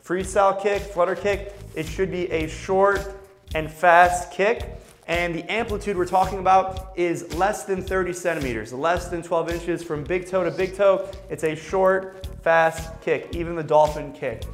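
A man's voice: high voice, a little slow, roomy sound, faint music behind. A man giving an instructional video lesson as a swim coach, emphatic and instructive, repeating his key points.

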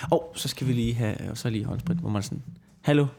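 Male co-host, crude, animated ranter, casual podcast banter. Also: mid-range voice, creaky, breathy edge. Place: office.

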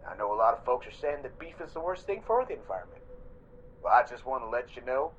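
A man voicing a folksy, shameless steakhouse pitchman in a parody local radio commercial. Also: lively intonation, normal speed, a little hiss or hum. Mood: hushed, frank. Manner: folksy hard-sell patter. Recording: dull lo-fi radio ad, loud music.

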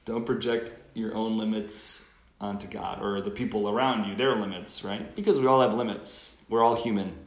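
A man, a priest, reading the gospel and preaching a homily at Mass in a measured, earnest way, his voice ringing in a cathedral-like echo. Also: fairly low pitch, fairly even intonation. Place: large church. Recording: echoey church acoustics.

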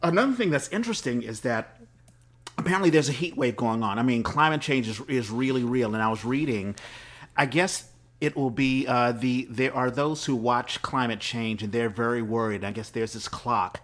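Male podcast host, casual chat, rambling, chuckling, medium pitch. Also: normal speed, a bit bright. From Washington, D.C.

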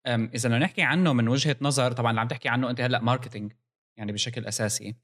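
A man's voice: medium pitch, fairly even intonation, very fast, a bit bright. A man with a Levantine Arabic accent co-hosting a casual technology discussion, talking in an analytical, point-by-point way. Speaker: podcast co-host.

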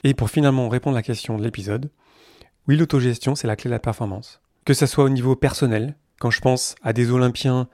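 A man talks through a solo podcast episode in an earnest, emphatic way, piling up lists of verbs. His voice sits at a middle pitch. The recording is close and dry, with no room sound. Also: steady tone, fairly quick, mellow, dry recording. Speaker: podcast host. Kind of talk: solo explanatory podcast monologue.

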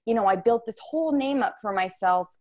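A woman's voice: a little high, expressive, fairly quick. A young adult woman, a dance choreographer, talking candidly as a podcast guest, earnest and searching, often restarting her sentences. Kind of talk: candid interview conversation.

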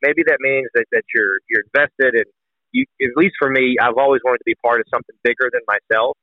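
Fast-talking man on a tinny phone line. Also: mid-range voice, no room sound. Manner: earnest, emotional, quick-talking. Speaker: college baseball radio announcer. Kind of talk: podcast interview guest. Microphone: phone call.

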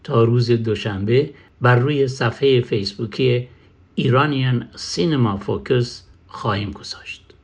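A man hosting a cinema program, presenting scripted introductions in a formal, measured way. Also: medium pitch, husky. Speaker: radio host.

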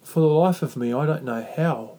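A man with a New Zealand Māori accent hosting a reflective faith talk, speaking earnestly and haltingly with repeated phrases. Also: on the high side, mellow. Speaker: podcast host.

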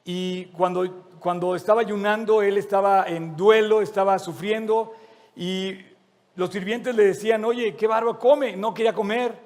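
Guy preaching, high voice, earnest and emphatic, lots of hall reverb. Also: steady tone, measured pace, darkish tone. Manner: earnest, emphatic, repeats key phrases. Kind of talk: sermon. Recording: long reverb of a large hall.

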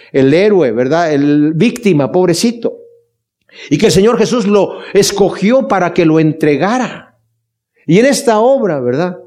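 A male pastor delivers a sermon in a mellow, fairly high voice. He speaks earnestly and with emphasis, pressing his point with rhetorical questions. He addresses his congregation fondly. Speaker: pastor leading a Bible study.

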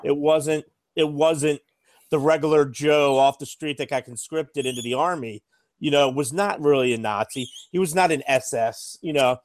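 A man's voice: a little high, normal speed, no echo. An American man co-hosting a casual podcast chat who rambles and says "you know" a lot. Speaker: podcast co-host.

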